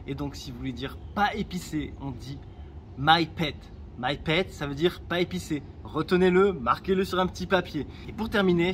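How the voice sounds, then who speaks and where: A man's voice: sits high, noisy background. A man giving casual travel advice in a vlog, chatty and direct with joking asides, recorded outdoors in a town. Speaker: travel vlogger.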